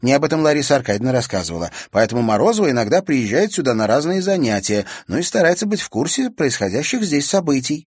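A man's voice: mid-range voice, big pitch swings, fast, hardly any pauses, husky, no room sound, clean studio sound, voice pushed up. A man voicing a matter-of-fact young female student in an audiobook. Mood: explaining.

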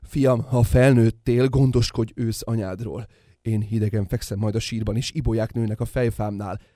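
A man voicing the corpse of a dead father who lectures his son gravely, in a radio play. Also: fairly low pitch, fairly even intonation, warm tone, no echo, studio quality, close to an everyday voice. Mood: mournful.

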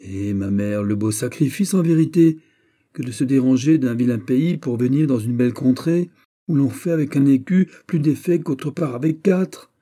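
A man's voice: mid-range voice, normal speed, dark tone, voice pushed up, lightly acted. A man voicing a jealous, indignant young French prince in an audiobook, heated and insistent. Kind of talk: audiobook character voice.

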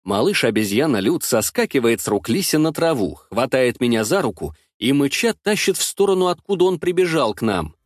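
A man narrating a first-person fantasy audiobook in a lively, wry storytelling manner. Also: mid-range voice, fairly quick, few pauses, no room sound, studio quality.

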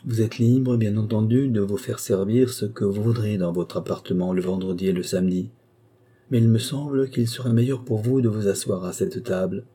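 A man reading aloud, voicing a pious, scheming woman who speaks in a cold, measured way. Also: fairly low pitch, steady tone, warm tone, husky.

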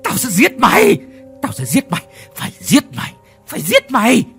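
A man's voice: fairly high pitch, very animated, unhurried, creaky, darkish tone, long reverb tail, faint music behind, exaggerated voice. A man voicing the vengeful ghost of a dead mother possessing a young woman, snarling with hatred in a ghost story. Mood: murderous. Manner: screeching, hate-filled snarling.

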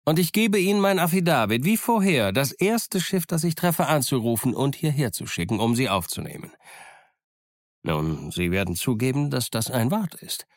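A man voicing a cunning, blustering pirate leader on a crutch, loud and threatening, in an audiobook reading. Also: mid-range voice, sing-song, normal speed, no echo, clean studio sound, voice pushed up. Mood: menacing.

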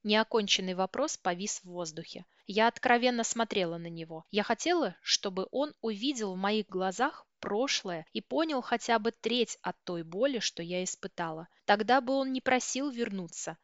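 A woman reading a first-person novel aloud with steady, tense storytelling. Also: mid-range voice, moderate pace, hardly any pauses, no echo, highs cut off. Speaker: audiobook reader.

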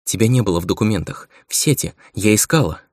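A man voicing a hopeless, exhausted young woman who speaks quietly in an audiobook. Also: on the low side, animated, fast, no room sound, clean studio sound. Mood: bitter. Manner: quiet, near whisper.

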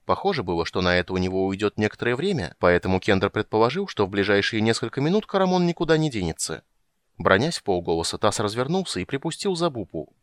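A man narrating a fantasy audiobook with expressive storytelling. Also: lowish voice, fast, dry recording. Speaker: audiobook reader. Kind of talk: scripted narration.

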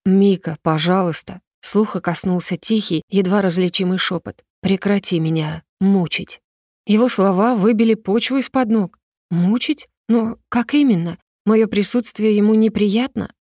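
A woman reading a story aloud in the first person as an audiobook narrator, with an emotional delivery that rises in pitch on the heroine's own lines. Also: normal speed, a little mellow, no room sound, studio quality.

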